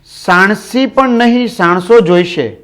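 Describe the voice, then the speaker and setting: A fretful old father yelling for help around the house, as a man reads him aloud. He calls out loudly in alarm, in a fairly high voice. It is storybook reading in a classroom lesson. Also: slow. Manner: shouting in alarm. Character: panicky old father shouting about sunlight.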